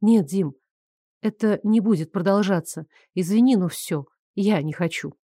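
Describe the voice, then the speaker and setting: A woman's voice: medium pitch, measured pace, dark tone, no echo, studio quality, natural voice. A woman reading the part of a firm young woman who speaks curtly, through gritted teeth. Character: firm, cold young woman ending an affair.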